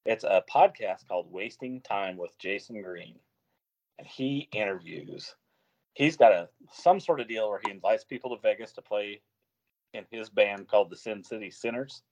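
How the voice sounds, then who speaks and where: A man's voice: fairly low pitch, normal speed, a little mellow, poor audio. A man co-hosting a casual podcast chat, rambling and laughing often, making fun of himself. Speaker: podcast co-host.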